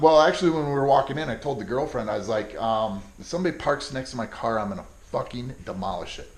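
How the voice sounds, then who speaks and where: A man chatting casually to his viewers in a rambling, profane way, easily irritated. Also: on the high side. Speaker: car vlogger. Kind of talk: casual vlog chat. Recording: echoey room.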